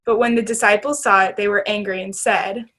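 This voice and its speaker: A woman's voice: medium pitch, steady tone, fairly quick, bright, forceful tone. A woman reading scripted scripture narration as the narrator of a readers theater.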